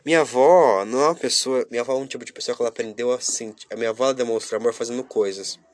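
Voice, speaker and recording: This young vlogger delivers a casual confessional monologue straight to his viewers, talking openly at a racing pace with medium pitch. He swings between loud, lively bursts and quiet, subdued stretches, chatting freely and often breaking off to restart.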